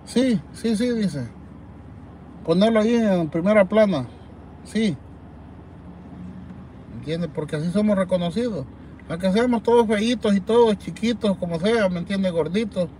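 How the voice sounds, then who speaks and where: A man's voice: high voice, measured pace, long pauses, warm tone, a little hiss or hum. A man from El Salvador with a Salvadoran accent, rambling animatedly to viewers as host of a live chat from a parked car at night, reading comments aloud. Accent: Salvadoran Spanish. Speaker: livestream host.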